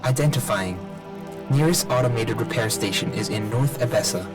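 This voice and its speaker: Rusty broken-down robot unit played by a man, clipped and obedient, loud game music behind. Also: lowish voice, moderate pace, close to an everyday voice. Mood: flat reporting. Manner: clipped status-report phrasing, repeats itself on errors. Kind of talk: video game dialogue.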